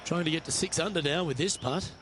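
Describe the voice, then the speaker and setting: A man calling golf shots as a play-by-play commentator, admiring and measured. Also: a little high, fairly bright tone, slight background noise.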